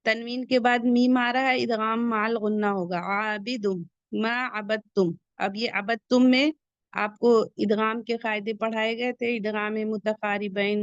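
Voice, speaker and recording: Slow, patient woman teaching recitation rules. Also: a little high, no room sound. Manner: patient, explains each rule slowly and repeats key points. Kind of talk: step-by-step recitation lesson. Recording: dull lo-fi sound.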